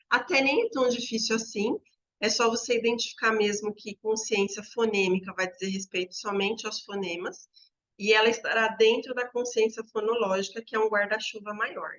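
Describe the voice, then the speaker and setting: A woman gives an explanatory lesson to teachers at a mid-range pitch, stopping to stretch out each example word as she checks that viewers follow. The sound is a little dull and lo-fi. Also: bright, forceful tone. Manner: talks viewers through examples, drawing out sample words slowly. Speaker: teacher trainer.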